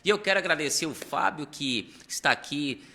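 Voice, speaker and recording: A man's voice: a little high, animated, moderate pace, creaky, bright, forceful tone. A man hosting a live podcast, reading sponsor lines and speaking straight to his viewers in an upbeat, promotional way. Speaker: podcast host.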